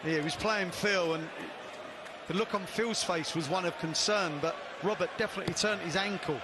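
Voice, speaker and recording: A man's voice: sits high, normal speed. A man giving live darts commentary with conversational analysis of play. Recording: loud crowd noise behind commentary. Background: noisy darts crowd.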